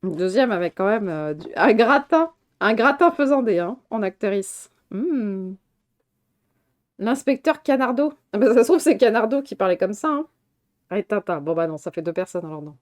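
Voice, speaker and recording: A woman's voice: medium pitch, animated, normal speed, darkish tone. A woman streamer chatting casually about films on a live stream, rambling, swearing and laughing often. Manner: chatty, rambling with restarts, reacting to chat.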